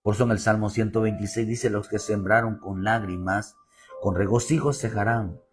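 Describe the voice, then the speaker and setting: Over background music, a male pastor with a Mexican Spanish accent preaches a sermon in a fairly low, steady voice at a moderate pace. He repeats phrases and builds his emphasis higher and higher, frequently addressing listeners as "hermano," or brother.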